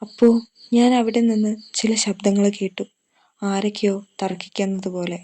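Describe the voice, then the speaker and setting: A woman's voice: medium pitch, steady tone, moderate pace, warm tone, lightly acted. A woman voicing a grieving old grandmother who confesses a long-kept secret in a trembling voice. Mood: shaken, tearful.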